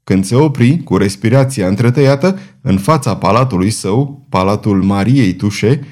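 A man narrating an audiobook novel in a measured, dramatic reading. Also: fairly low pitch, expressive, darkish tone. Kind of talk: scripted narration.

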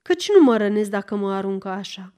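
A woman's voice: mid-range voice, very animated, mellow, clear, resonant tone, close to an everyday voice. A woman narrator voicing a plucky straw scarecrow in a storybook reading. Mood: eager.

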